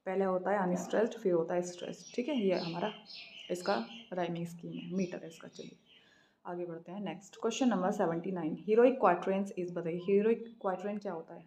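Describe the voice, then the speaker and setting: Mellow-voiced Indian woman teacher. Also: lowish voice, fairly even intonation, slight background noise. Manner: reads questions slowly, then explains quickly in Hindi-English mix; repeats "theek hai" after each answer. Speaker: English literature teacher. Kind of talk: exam practice lesson.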